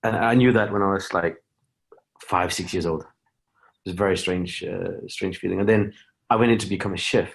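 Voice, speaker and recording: A man's voice: sits low, steady tone, gravelly. A middle-aged man from Denmark, a company founder speaking as an interview guest, talking casually with frequent restarts and fillers. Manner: halting, many restarts and fillers.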